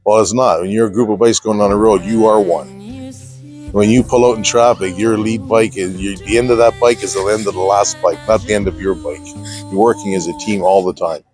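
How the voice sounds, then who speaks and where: A man's voice: fairly low pitch, fairly even intonation, brisk, a little mellow, soft background music. A man who rides in a motorcycle group speaks plainly and emphatically about riding and the people he meets. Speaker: motorcycle tour rider. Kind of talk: interview testimony.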